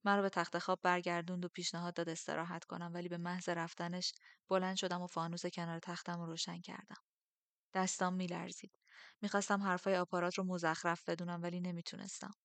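A woman narrating a first-person novel as an audiobook, measured and steady. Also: on the low side, no echo.

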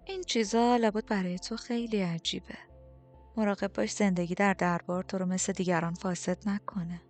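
A woman voicing a condescending queen who speaks slowly and mockingly, in an audiobook over faint music. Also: medium pitch, fairly even intonation, darkish tone, natural voice. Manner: slow, drawn-out, mocking. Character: haughty, condescending queen, middle-aged woman.

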